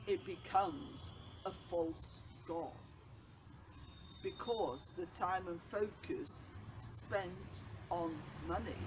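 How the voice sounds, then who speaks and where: Older woman, vicar, slow measured reading, outdoor noise behind. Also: fairly low pitch. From England. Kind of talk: daily reflection and prayers. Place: outdoors by a brick wall on a bench. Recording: noisy outdoor recording.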